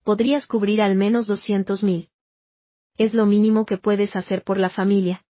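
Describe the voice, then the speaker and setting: A woman narrator voicing a cold, scheming mother with a sharp, cutting way of speaking, on a dull, dry recording. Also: mid-range voice, flat delivery, moderate pace, no echo, close to an everyday voice. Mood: demanding.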